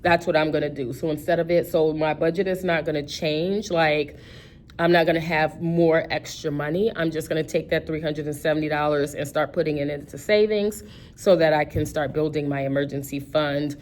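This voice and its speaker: Woman, 50s, low voice, casual rambling vlogger, faint background noise. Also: steady tone, moderate pace, darkish tone. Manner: rambling, self-correcting, many fillers. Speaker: personal finance vlogger. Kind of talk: casual budgeting chat.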